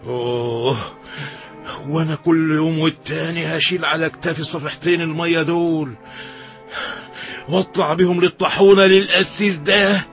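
A weary, simple water carrier with an Egyptian accent, acted by a man in a religious drama. His voice is high for a man, grumbling and bewildered, with music clearly behind it. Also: steady tone, moderate pace, fairly bright tone, natural voice. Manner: complaining, bewildered. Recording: music under the voice.

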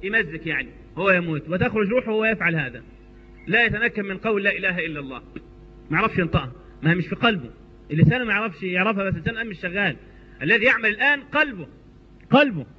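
A man's voice: high voice, expressive, very fast, slight background noise. A man with an Egyptian accent preaching a sermon, telling stories animatedly with colloquial asides. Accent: Egyptian Arabic. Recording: echoey hall, dull lo-fi sound.

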